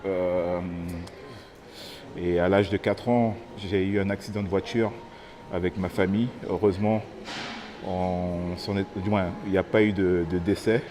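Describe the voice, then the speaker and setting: A man in his thirties from French Guiana gives a personal testimony, thoughtful and pausing often as he searches for words. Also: sits low, steady tone, warm tone, slight background noise. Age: 30s. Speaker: interviewee.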